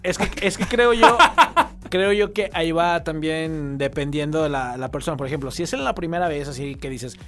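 A man's voice: on the high side, normal speed, fairly bright tone, soft background music. A man co-hosting a podcast in casual chat, bantering with jokes and street slang. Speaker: podcast co-host.

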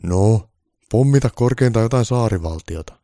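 A man voicing a calm, blunt old Santa Claus who speaks firmly and matter-of-factly, louder and a bit higher than his own voice. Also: dry recording, natural voice. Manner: dry, matter-of-fact, firm.

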